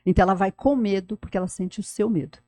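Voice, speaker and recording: A middle-aged woman, a former school director telling stories in a podcast interview, animated and addressing the listener directly. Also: mid-range voice, quick pace, dry recording.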